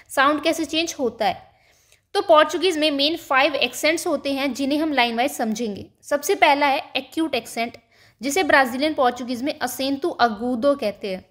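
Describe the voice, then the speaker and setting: A woman with a high voice teaches a beginners' language class. She explains step by step and stretches out her example words so they are easy to repeat. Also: a bit bright. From India. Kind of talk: Hindi-language lesson.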